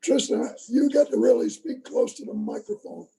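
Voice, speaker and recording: A hoarse troop leader runs an online meeting from a tablet. His voice is rough and gravelly, deep in texture yet often high-pitched. He speaks patiently and makes sure the kids can follow him. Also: expressive, normal speed, warm tone, low-quality recording. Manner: patient, instructive, checks that he is understood. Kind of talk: leading an online youth meeting. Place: video call. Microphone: tablet on a video call.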